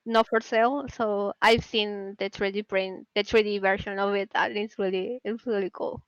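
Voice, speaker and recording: A woman from Chile with a Chilean Spanish accent, a guest in a casual interview, speaking softly and hesitantly as she searches for words in English. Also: mid-range voice, steady tone, moderate pace, clean tone, no room sound, muffled recording. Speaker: guest artist.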